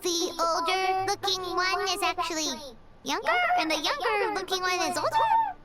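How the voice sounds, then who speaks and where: A woman voicing a tiny, excitable female companion sprite in a video game, chirpy and full of exclamations, heard over the game's music. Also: very high voice, moderate pace.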